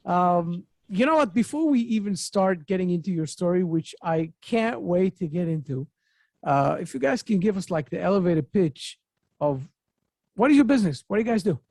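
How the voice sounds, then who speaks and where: An energetic middle-aged podcast host conducts an enthusiastic interview from a home office with bookshelves, speaking at normal speed into a studio mic on a boom arm. His fairly high voice has vocal fry and sounds close and dry with no room sound. He's excitable, with repetitive phrasing, loose grammar, and non-native wording.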